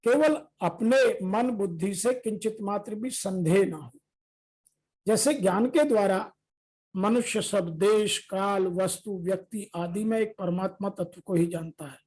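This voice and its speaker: A woman giving a scripture commentary, deliberately reading translations as measured lists. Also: mid-range voice, warm tone, rough recording. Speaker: Gita discourse teacher.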